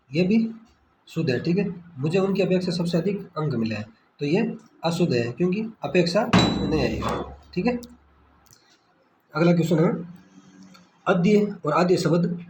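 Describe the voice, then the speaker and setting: A man with a rather high, expressive, somewhat dark voice tutors his way through exam questions at a moderate pace, pausing often. He quizzes himself aloud in a repetitive style, restates each answer, and keeps checking in with "okay" ("ठीक है"). Captured by a phone screen-recorder mic, the audio is echoey with a faint hiss.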